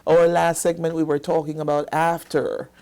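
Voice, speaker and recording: Low mellow-voiced female host. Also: flat delivery, normal speed. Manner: encouraging, frequent murmured affirmations. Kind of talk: talk show interview. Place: studio.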